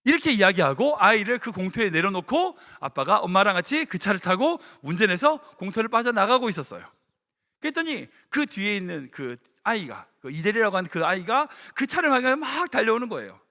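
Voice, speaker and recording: Animated high-voiced preaching man. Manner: animated storytelling, acting out dialogue. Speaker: senior pastor. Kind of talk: sermon. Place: church sanctuary. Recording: long reverb of a church hall.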